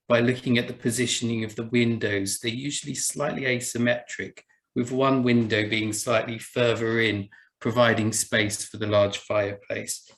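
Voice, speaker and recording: A man with an Essex accent presents in a webinar, his voice at a middle pitch. He explains steadily and patiently, sometimes restarting a phrase as he goes. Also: a bit bright. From England. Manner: measured, explanatory, with small restarts. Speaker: buildings officer giving a talk.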